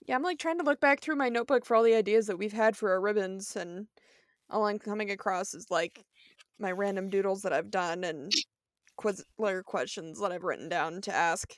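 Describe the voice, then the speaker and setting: A woman's voice: medium pitch, moderate pace, dry recording, studio quality. A woman co-hosting a podcast, chatting in an easygoing way with plenty of fillers. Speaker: podcast co-host. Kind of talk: casual chat.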